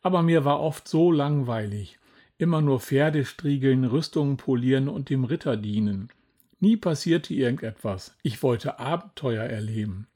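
A man voicing a boastful older male knight and proud father in a children's storybook, grumbling and full of self-praise, with a husky voice. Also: mid-range voice, normal speed, mellow, close to an everyday voice.

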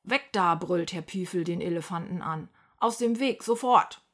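A man's voice: high voice, moderate pace, fairly bright tone. A woman doing a blustering portly policeman. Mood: bellowing. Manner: bellowing, then flustered. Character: blustering self-important male policeman, portly. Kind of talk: storybook read-aloud.

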